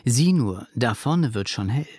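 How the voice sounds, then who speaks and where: A man's voice: mid-range voice, expressive, a little slow, lightly acted. A man voicing a hopeful hen in a children's storybook reading, with a clucking manner. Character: hopeful hen on a rainy boat trip.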